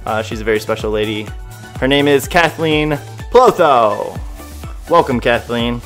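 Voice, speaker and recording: A man's voice: medium pitch, unhurried, fairly bright tone, soft background music. A man hosting a casual podcast interview, upbeat and enthusiastic, with frequent fillers. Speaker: podcast host.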